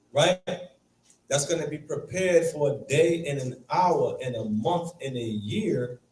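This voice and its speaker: A man's voice: medium pitch, darkish tone. A man teaching a Bible class, emphatic and throwing rhetorical questions at his students. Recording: echoey room from far off, faint ambience.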